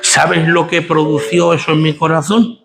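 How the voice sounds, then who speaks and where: Man, pastor, sermon, gravelly, fairly high voice, music underneath. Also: level tone, normal speed. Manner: preaching with rising intensity and rhetorical questions.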